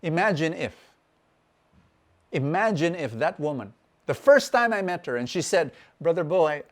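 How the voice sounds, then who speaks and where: A middle-aged man preaching and telling a story to a congregation, animated, repeating words as he goes and acting out the voices of the people in it. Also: a little high, normal speed. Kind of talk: storytelling sermon talk.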